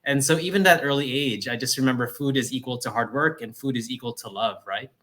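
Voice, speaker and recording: A man raised in New Jersey, a food company founder telling his story in a casual interview, upbeat and energetic. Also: mid-range voice, brisk. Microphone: livestream call microphone.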